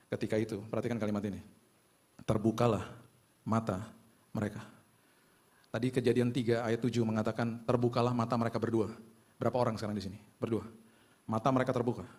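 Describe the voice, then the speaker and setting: A man preaching a sermon. He tells stories in an animated, conversational way and mixes in English phrases. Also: fairly low pitch. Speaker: pastor. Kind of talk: sermon with personal storytelling.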